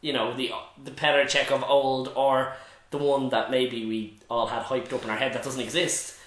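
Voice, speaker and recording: A man's voice: mid-range voice, level tone, normal speed, fairly bright tone, a little hiss or hum. Male podcast co-host, chatty, laughs often, echoey room. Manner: chatty, laughs often, trails off mid-sentence. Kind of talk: casual football chat.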